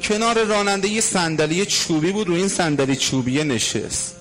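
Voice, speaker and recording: A man preaching a sermon as a dramatic story, at times dropping to a hush or half singing. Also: high-pitched, faint music behind. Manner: dramatic storyteller, drops to hushed tones and half-sung lines. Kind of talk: emotional religious storytelling sermon.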